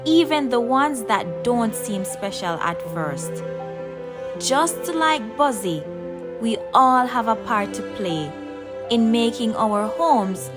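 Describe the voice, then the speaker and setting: Over background music, a female narrator reads a children's story from a script, taking her time with deliberate pauses. Her delivery is expressive and her pitch on the high side.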